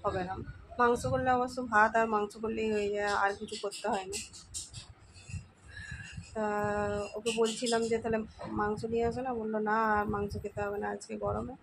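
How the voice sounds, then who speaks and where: A woman with a West Bengal Bengali accent chatting casually at home in a daily vlog, her voice slightly hoarse, often trailing off as she talks. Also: on the high side, little pitch movement, fairly quick, long pauses, slight background noise, low-quality recording. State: voice going hoarse from the heat. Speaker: housewife vlogger. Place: at home, indoors.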